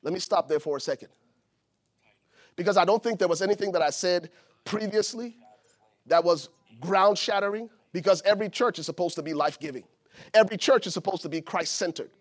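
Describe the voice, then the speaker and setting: A pastor from Liberia preaching a sermon, building to shouted emphasis. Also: male voice, sits high, fairly quick. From Liberia, West Africa.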